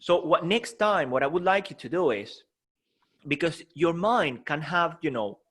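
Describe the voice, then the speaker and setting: A man's voice: on the high side, expressive, a little slow, fairly bright tone, slightly rough. Upbeat, playful male coach. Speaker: NLP coach. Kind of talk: coaching talk to learners.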